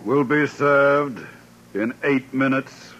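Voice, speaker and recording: An actor in an old radio play voicing a too-smooth, polite male robot servant who speaks in a measured, mechanical way. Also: mid-range voice, very noisy, lightly acted. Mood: calm. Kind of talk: 1950s radio drama acting. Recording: dull old radio broadcast.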